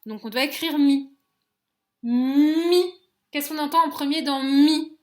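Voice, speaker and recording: A woman teacher with a French accent giving a slow phonics lesson to young children, sounding out each letter and syllable clearly and gently. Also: high voice, steady tone. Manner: gentle and encouraging toward children.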